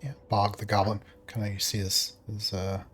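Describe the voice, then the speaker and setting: A man running a tabletop game as game master, narrating in a relaxed, hesitant way with many fillers. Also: fairly low pitch, moderate pace, slight background noise.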